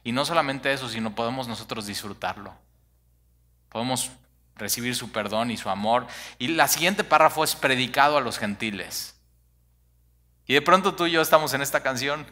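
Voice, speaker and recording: A man preaching a sermon, animated and conversational, full of rhetorical questions. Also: mid-range voice, moderate pace. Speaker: pastor.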